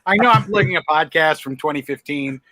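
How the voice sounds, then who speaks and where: A man's voice: on the high side, expressive, fairly quick, pushed and bright, no room sound. A man co-hosting a podcast, upbeat while plugging shows. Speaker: podcast co-host. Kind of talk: casual plugging.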